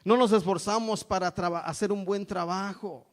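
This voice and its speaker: A man's voice: high voice, fairly even intonation, moderate pace. A middle-aged man from Mexico preaching an evangelical sermon, emphatic, calling out "brothers" again and again. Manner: repeats "hermanos" constantly, emphatic preaching.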